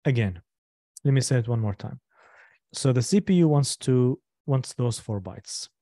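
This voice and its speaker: A man teaches a class step by step in a very dark, mellow voice. He is patient, often goes back over a point, and stops to ask whether everyone is following. The sound is close and dry. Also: mid-range voice, animated, no room sound. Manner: patient, repeats and slows down to explain step by step; asks the class for checks and questions. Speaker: instructor. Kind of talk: live online lecture.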